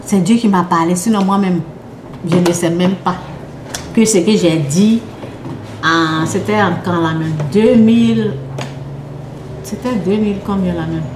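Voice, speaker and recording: A woman preacher giving a sermon with personal testimony, emphatic and repetitive, sometimes dropping to a hush. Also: lowish voice, measured pace, long pauses, background noise. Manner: emphatic, repetitive, drops to hushed tones. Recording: echoey room with faint ambience.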